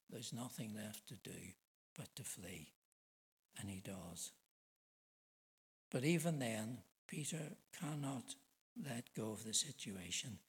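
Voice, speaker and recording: A man's voice: medium pitch, rough recording. A middle-aged man preaching a sermon, earnest and emphatic, asking his listeners rhetorical questions.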